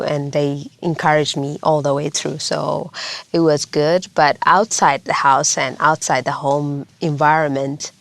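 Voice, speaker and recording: A young woman, a lawyer and social worker, answering interview questions in a measured, earnest way. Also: sits low, dry recording. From Ethiopia.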